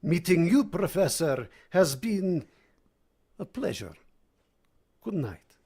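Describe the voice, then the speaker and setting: A woman acts out a courtly vampire count with a husky, gravelly voice. The delivery is formal and menacing, in the manner of vintage radio drama, with wide swings in pitch. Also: big pitch swings, slow pace, mellow, exaggerated voice. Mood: courtly, restrained.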